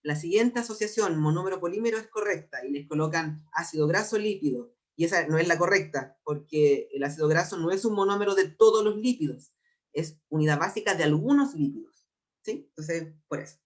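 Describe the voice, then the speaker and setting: A young adult biology teacher with a Chilean accent, giving an exam prep lecture and explaining patiently while slowing down to repeat key terms. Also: mid-range voice, expressive.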